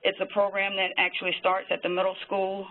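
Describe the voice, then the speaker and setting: A man with a high voice, speaking in a flat and even tone. He gives prepared webinar remarks at a measured pace, pausing often on fillers. The sound is thin and tinny, like a phone line. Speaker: physician panelist.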